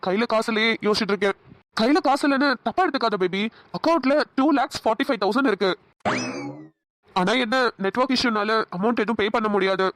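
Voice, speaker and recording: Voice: medium pitch, fairly bright tone, no room sound, natural voice. An actor voicing a nervous scheming young man. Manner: hesitant, stammering fillers. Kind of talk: Tamil cartoon dubbing.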